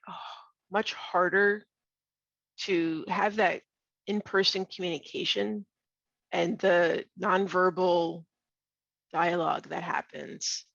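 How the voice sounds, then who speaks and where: A middle-aged woman who is losing her voice, speaking bluntly and candidly on a video call, often halting and restarting. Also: lowish voice, creaky, dry recording, highs cut off. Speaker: webinar participant. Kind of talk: casual discussion on a video call.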